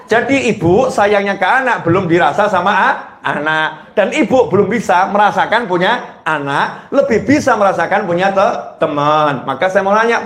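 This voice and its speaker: A playful Indonesian preacher with a slightly bright male voice gives a sermon to a live audience in an echoey hall. He teases listeners with questions and breaks into high, squealing mimicry of mothers.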